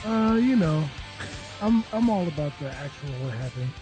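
A man's voice: on the high side, lively intonation, normal speed, mellow, soft background music. A man co-hosting a casual chat show, his voice muffled as if coming through a wall. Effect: muffled, as if talking through a wall. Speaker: podcast co-host. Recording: dull muffled lo-fi sound.

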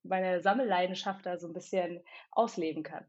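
A woman from Berlin, a company founder, talking as a podcast guest in a thoughtful, hesitant way with many filler pauses. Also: on the low side, darkish tone, muffled recording. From Berlin, Germany. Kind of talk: casual interview chat.

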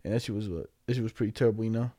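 A man's voice: on the low side, very fast, warm tone, no echo, studio quality. A young man chatting casually in slangy frat-boy talk, swearing heavily. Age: young adult. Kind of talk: casual chat.

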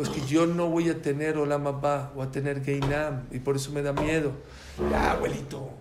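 Rabbi guy telling torah stories, kinda high voice, lively, echoey room w faint background hum. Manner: animated storyteller, voice rising in quotes. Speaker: rabbi teaching a class. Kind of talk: Torah lesson with storytelling.

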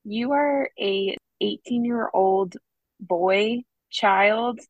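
A woman's voice: medium pitch, very slow, no room sound, phone-quality sound. Blunt sarcastic woman, dry mic. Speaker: podcast co-host. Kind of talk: casual chat.

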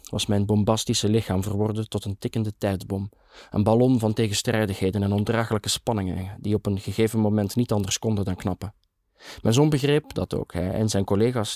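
A man's voice: fairly low pitch, a little mellow, no room sound, clean studio sound. A middle-aged man narrating a first-person novel in a dramatic, sardonic tone.

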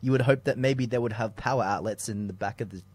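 Halting male co-host in casual chat. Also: on the low side, darkish tone. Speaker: podcast co-host.

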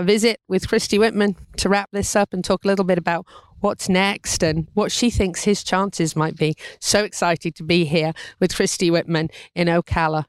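A woman's voice: mid-range voice, smooth, dry recording, low-quality recording. A woman hosting a talk show, chatty and enthusiastic as she interviews a guest and reads sponsor credits.

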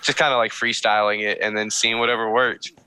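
Bright-voiced, rambling male guest. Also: lowish voice, level tone, a little fast, clear, resonant tone, no echo, rough recording. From North Carolina. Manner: rambling, full of fillers, laughs often. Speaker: interview guest. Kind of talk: casual interview chat.

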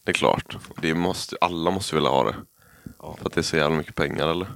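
A young man hosting a casual podcast chat, a lively storyteller who swears freely and laughs often. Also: very deep voice, creaky, dry recording. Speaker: podcast host.

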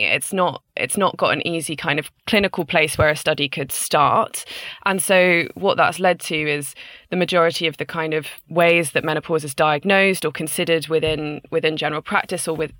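A woman's voice: deep voice, fairly bright tone, dry recording. A woman founder speaking on a panel call, hesitant with frequent restarts and fillers.

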